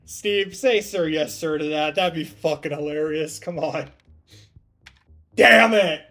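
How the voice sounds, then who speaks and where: A man's voice: fairly high pitch, slow pace, vocal fry, bright, forceful tone. A man giving live game commentary as a streamer, exclamatory and prone to swearing. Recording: faint game music behind.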